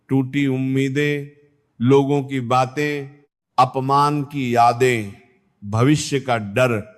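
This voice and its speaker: A man delivers a spiritual discourse at an unhurried, deliberate pace, his voice sitting in an ordinary middle pitch. He talks in measured, repeated phrases and speaks directly to the listener, often putting questions to them. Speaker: spiritual teacher.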